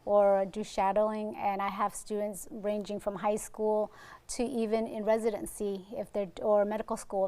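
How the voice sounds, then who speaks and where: A woman's voice: mid-range voice, darkish tone. Earnest ophthalmologist woman in her forties. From Vietnam. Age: 40s. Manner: earnest and determined, with fillers. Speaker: ophthalmologist, interview guest. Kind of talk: TV interview answers.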